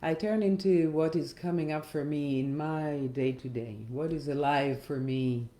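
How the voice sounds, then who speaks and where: Faint music and a roomy echo surround a middle-aged woman's deep, mellow voice as she leads a reflective guided meditation. She speaks very slowly with gentle pauses, her tone soft-edged, drawing on her work as a meditation guide and hypnotherapist.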